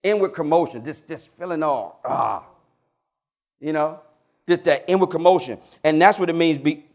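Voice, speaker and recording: A man preaching a sermon in church, asking his congregation questions and calling for answers. He swings between loud, emphatic lines and quiet, low asides, and speaks. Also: moderate pace. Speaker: pastor.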